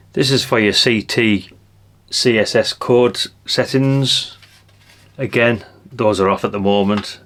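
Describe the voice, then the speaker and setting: Thinking aloud as he works, an older man presents a casual, unscripted hands-on product demonstration for his radio gadget review channel. His voice sits on the low side with a fairly bright tone.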